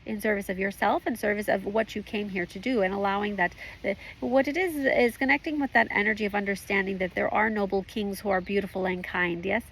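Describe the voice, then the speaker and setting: Woman channeling a calm spirit guide, seance medium delivery, creaky voice, stilted formal phrasing, instructive. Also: mid-range voice, a little fast, hardly any pauses, a little hiss or hum, natural voice, low-quality recording. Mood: assured, guiding. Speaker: trance channeler at a group session. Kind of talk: trance channeling, spiritual guidance.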